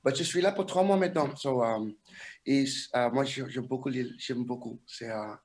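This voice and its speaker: Curaçao-accented male singer, halting French with English slipping in, casual interview guest. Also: mid-range voice, a little mellow. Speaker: singing contestant, guest.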